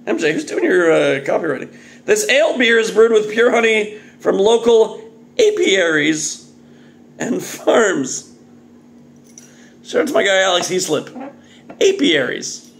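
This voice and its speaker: A beer reviewer and vlog host in his thirties films a casual, off-the-cuff review in his home kitchen using a phone or webcam at arm's length. His voice sits high and measured, with frequent pauses, and his delivery is animated, exclamatory, and jokey, with muttered asides.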